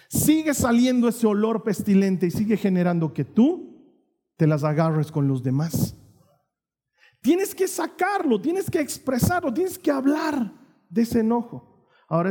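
A man's voice: high voice, dark tone, long reverb tail. A man preaching a sermon as pastor, earnest and conversational, often checking in with the congregation.

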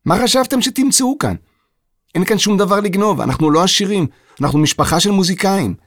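A man's voice: high-pitched, expressive, a bit bright, dry recording, clean studio sound, voice pushed up. A man voicing a polite, earnest young boy composer in a children's audio story. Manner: polite, earnest, slightly prim.

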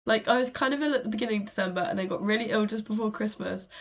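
A woman's voice: mid-range voice, rapid-fire. A woman co-hosting a podcast, chatting frankly and laughing often, currently ill with a sore throat. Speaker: podcast co-host. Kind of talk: casual chat.

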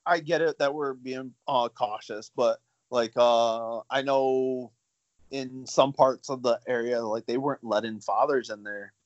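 A man's voice: mid-range voice, steady tone, measured pace, no echo, muffled recording. A young man talking as a guest artist in a casual chat, jokey and chatty. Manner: jokey, chatty, laughs easily.

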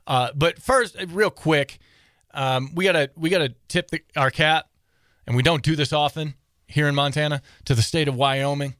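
An American man with a slightly high voice hosts a podcast in an animated, excited way. The talk is casual and upbeat. The sound is dry and close. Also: normal speed, dry recording. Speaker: podcast host.

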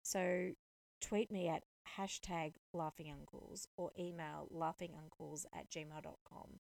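Podcast host, female, low and gravelly, dry close sound, animated storyteller. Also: unhurried, no room sound. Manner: animated, indignant retelling with quoted dialogue. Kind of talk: storytelling monologue.

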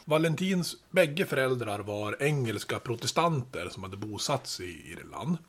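A man hosting a podcast, telling history in a relaxed, chatty way with casual asides. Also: medium pitch, slightly rough. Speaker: podcast host.

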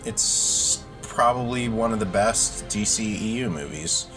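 A man's voice: fairly low pitch, animated, unhurried, music in the background. A man co-hosting a podcast, chatting casually and jokingly with many filler ums. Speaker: podcast co-host.

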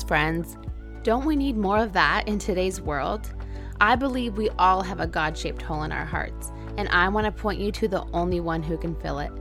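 Woman's podcast intro over music. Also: lowish voice. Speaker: podcast host and health coach. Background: music bed.

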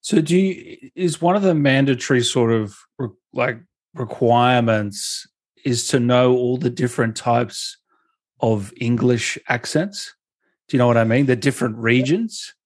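A man's voice: medium pitch, unhurried, no echo. A man interviewing someone in a casual chat, curious and admiring in the way he talks.

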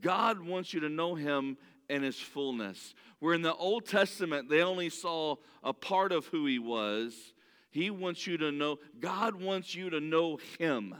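In a church-hall echo with a long tail, a man preaches with sincere conviction, though his English is a second language and he often stumbles and restarts. His voice is high, resonant and smooth, fairly bright in tone. He keeps a measured pace throughout the sermon.

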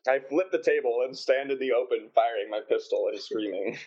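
A man's voice: medium pitch, moderate pace, a little mellow, highs cut off. A man bantering casually with friends as a gaming podcast regular.

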